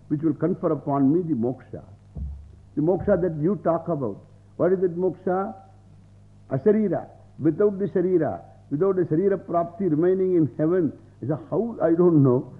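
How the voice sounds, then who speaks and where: South indian guy, swami giving a scripture lecture, repeats phrases a lot, sounds like its over a phone line. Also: a little high. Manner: repeats phrases, explains word by word, argues with rhetorical questions. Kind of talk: scriptural lecture with Sanskrit quotations explained in English.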